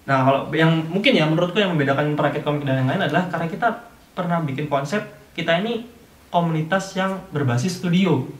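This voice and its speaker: A man talks fast and upbeat in a relaxed chat. His voice sits a little high. He is recorded from a little way off the mic in an echoey room. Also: distant mic. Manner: quick, chatty, upbeat. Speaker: comic community member. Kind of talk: casual chat.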